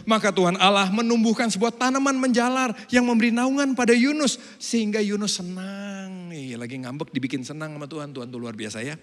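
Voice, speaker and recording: A man preaching a lively sermon, swinging between soft asides and loud exclamations. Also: high-pitched, brisk, hardly any pauses. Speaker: pastor. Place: church hall. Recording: long church hall reverb.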